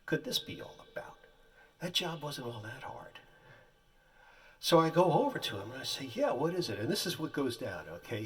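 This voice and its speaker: A man telling a comic personal story in animated, colorful, folksy phrasing, heard from a distance. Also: mid-range voice.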